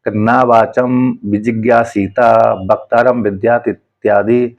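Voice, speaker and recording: A man teaching a Sanskrit scripture commentary, reading each phrase slowly and then explaining it in plain conversational speech. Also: mid-range voice, little pitch movement, lo-fi sound.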